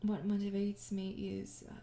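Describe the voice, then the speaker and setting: A young French-accented woman, an ASMR audio creator from France, answers questions from fans at normal speed in a monotone, mid-range voice. The soft, casual Q&A echoes in the room, and she's tired and apologetic, hesitating, laughing softly, and lapsing into whispers.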